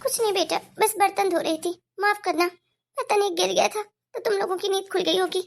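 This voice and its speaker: Cartoon role: sly complaining older mother-in-law, voiced by a woman, gravelly, high-pitched, theatrical whining. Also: steady tone, a little fast. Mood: apologetic. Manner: whiny, dramatic complaining.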